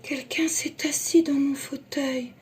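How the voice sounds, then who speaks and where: A woman voicing a gentle mama bear with a soft, raised voice. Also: high voice, fairly even intonation, takes it slowly, far from the mic, a little hiss or hum, pitched above the performer's own voice.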